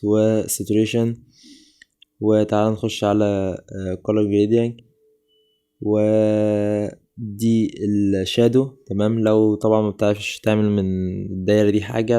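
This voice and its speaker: A man with an Egyptian Arabic accent walks viewers through a software tutorial step by step. He keeps checking in with "okay?", and his voice sounds off from a cold. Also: on the low side. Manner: instructive, repeatedly checks in with "okay?". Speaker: tutorial host. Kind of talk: screen-recorded software tutorial.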